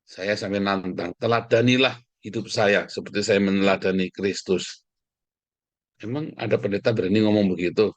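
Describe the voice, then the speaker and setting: A middle-aged man, preaching a fiery sermon in a scolding, combative way that swings between loud outbursts and hushed asides. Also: on the low side, fairly even intonation, normal speed, no room sound, highs cut off.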